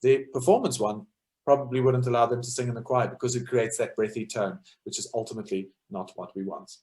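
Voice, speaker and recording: Fairly quick and darkish in tone, this man's mid-range voice carries an informal lecture about choral music that mixes in sung demonstrations. He explains things step by step, thinking aloud with many fillers.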